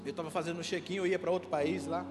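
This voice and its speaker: A man's voice: fairly high pitch, little pitch movement, racing. A man preaching a sermon as pastor, emphatic and calling for responses from the congregation. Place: church hall. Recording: echoey hall with music behind.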